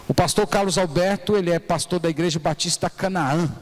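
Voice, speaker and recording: A man with a slightly raised voice introduces the guest speaker and leads a solemn, unhurried prayer. The sound carries a long church hall reverb. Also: high voice. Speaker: pastor introducing the preacher.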